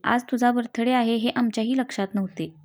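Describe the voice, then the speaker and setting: A woman's voice: a little high, steady tone, brisk, lightly acted. A woman storyteller voicing a cheerful, affectionate mother who speaks fondly and laughingly to her son. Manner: fond, laughing tone.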